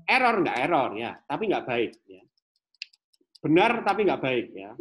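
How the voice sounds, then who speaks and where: A man with an Indonesian accent teaches a live programming class, demonstrating code on screen as he goes. His pitch rises and falls in a lively way, and he thinks aloud, repeating points. It comes across as a casual classroom explanation. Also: normal speed. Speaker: programming lecturer.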